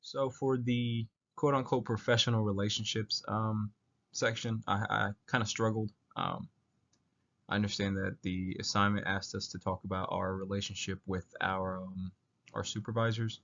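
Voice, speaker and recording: Young male student presenter, sick with flu: low and monotone, hesitant delivery, muffled lo-fi sound. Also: normal speed, vocal fry. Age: young adult. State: sick with flu, coughing now and then. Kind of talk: narrated presentation. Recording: dull lo-fi voice recording.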